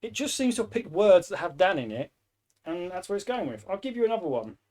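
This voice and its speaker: A man's voice: high-pitched, sing-song, a little fast, a little mellow. A man co-hosting a casual podcast, teasing his co-host with mock-dramatic build-ups and free swearing. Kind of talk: casual banter.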